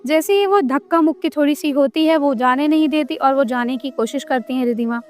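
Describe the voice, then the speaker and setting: A high-pitched woman narrates a devotional tale in an easy, conversational way. She links each scene with repeated "then she says". Soft music plays faintly behind her. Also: a little fast. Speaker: storyteller.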